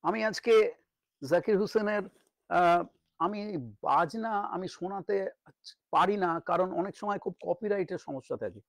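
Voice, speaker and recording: A man's voice: high voice, creaky, no room sound. Middle-aged male English teacher, patient drilling delivery, dry close sound. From Bengal. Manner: repeats words slowly to drill pronunciation. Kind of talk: spoken English lesson in Bengali.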